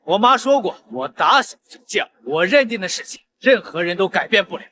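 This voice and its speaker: A man's voice: sits high, expressive, fairly quick, sharp tone. An actor playing a stubborn, devoted young man in a fantasy drama, earnest and insistent. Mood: stubborn resolve. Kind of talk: Chinese fantasy short-drama acting.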